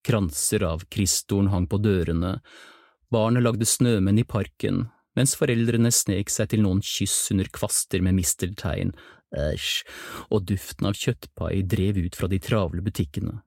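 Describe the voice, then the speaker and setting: A man's voice: deep voice, steady tone, creaky, mellow, no room sound, studio quality. A man narrating a storybook tale, breaking off into playful, chatty asides to the listener.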